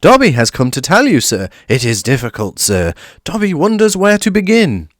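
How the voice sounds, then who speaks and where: A man voicing a small, servile and tearful male house elf who talks about himself by name in a high, excitable way. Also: normal speed, no echo, studio quality. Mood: earnest, wailing.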